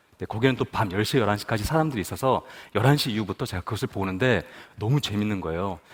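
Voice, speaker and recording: With a medium-pitched, slightly breathy voice and a big-room sound, a man from Busan, South Korea gives his testimony as a guest at a prayer meeting, narrating his story and asking the audience questions.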